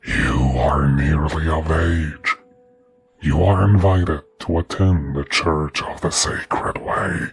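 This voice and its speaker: A man voicing a haughty, sinister hooded cult priest with a sibilant, whispery rasp in a horror story. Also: rumbling low, fairly even intonation, pitched below the performer's own voice, exaggerated voice. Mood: haughty menace. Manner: haughty, slow, menacing.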